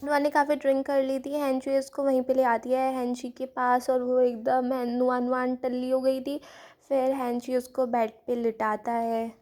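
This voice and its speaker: A woman's voice: sits high, level tone, moderate pace, warm tone. A woman narrating a casual recap of a drama series, retelling the characters' lines lightly in her own voice and mixing English words into her talk. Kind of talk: casual spoken story recap.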